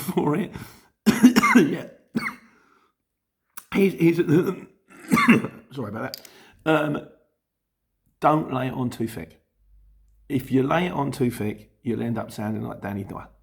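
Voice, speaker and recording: A man's voice: mid-range voice, vocal fry. A middle-aged man from Luton with a Cockney-influenced London accent, chatting casually and rambling as he explains things in a vlog, often correcting himself. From Luton, England. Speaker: YouTube host and courier driver.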